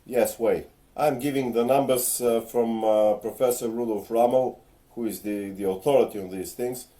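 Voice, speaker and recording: A man's voice: medium pitch, steady tone, normal speed, dark tone. Tipsy man ranting earnestly. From Bulgaria. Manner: earnest and lecturing, with hesitant "uh" fillers. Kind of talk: casual on-camera rant. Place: home, in front of a ring light.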